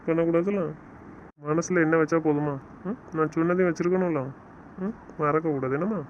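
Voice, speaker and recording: This male performer plays a young husband, stern yet loving, moving from scolding to lecturing to coaxing in an audio drama. He speaks on the high side, fairly quickly, in a natural voice. The recording is dull and lo-fi with faint noise.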